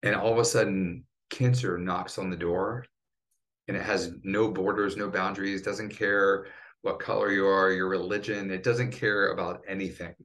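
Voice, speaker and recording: A man's voice: deep voice, steady tone, normal speed, fairly bright tone. A middle-aged man, a cancer survivor and advocate, speaking earnestly in a podcast interview and getting choked up at times.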